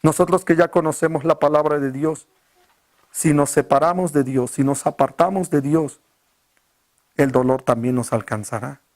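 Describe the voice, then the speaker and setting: A male pastor preaching a sermon, firing off rhetorical questions at the congregation and dropping his voice low and quiet to stress key words. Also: steady tone, moderate pace.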